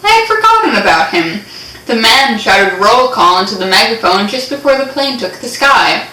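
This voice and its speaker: A woman's voice: on the high side, big pitch swings, moderate pace, bright, forceful tone. A young woman co-hosting, casually reading fan fiction aloud with playful, theatrical comic asides. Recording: echoey room, distant mic.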